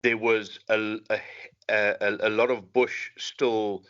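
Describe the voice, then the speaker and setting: Zimbabwean guest in his forties, bright forceful tone, friendly and halting. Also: lowish voice, flat delivery, smooth. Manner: friendly, hesitant with many fillers. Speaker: professional hunter guest. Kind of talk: casual podcast interview. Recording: slightly dull lo-fi audio.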